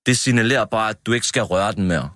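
A man's voice: lowish voice, a bit bright, no room sound. A man chatting as a studio guest in a slangy way, dropping in English phrases. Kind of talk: casual chat.

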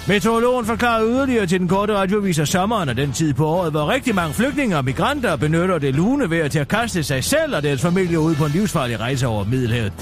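A brazen, self-important female news anchor from satirical radio comedy, played by a man. The voice sits on the high side for a man and swings widely in pitch. The delivery is theatrical and needling, with faint music behind it.

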